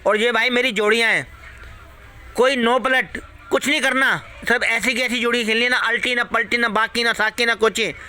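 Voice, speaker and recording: His voice very high, bright and pushed, held at a steady tone and normal speed, this satta tipster YouTuber casually rants at his audience with warnings and betting tips. The delivery is preachy and heavily repetitive, with free swearing throughout.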